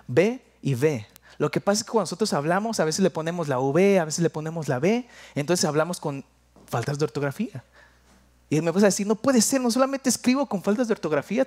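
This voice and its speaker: A young Mexican man with a Jalisco accent, preaching a sermon in a conversational, playful way, dropping to quiet asides. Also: fairly high pitch.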